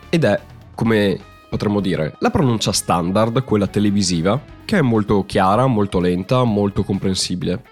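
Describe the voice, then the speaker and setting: A young man from Italy hosting a podcast, explaining in a chatty way and laughing at himself now and then. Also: on the low side. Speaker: podcast host. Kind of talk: casual podcast monologue.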